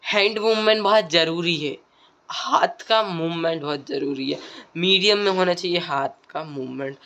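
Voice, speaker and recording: A man's voice: a little high, normal speed, creaky, pushed and bright. Male creator, casual tutorial delivery, repetitive, filler-heavy, conversational. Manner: repeats phrases, frequent tag questions and fillers. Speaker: video creator giving speaking tips.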